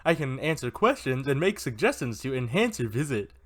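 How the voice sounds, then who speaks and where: A man's voice: mid-range voice, very animated, fairly quick. A man voicing a cheerful childlike cartoon pig robot guide with a stuffy nose, like a young kid. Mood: chipper. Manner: bright, eager, chirpy.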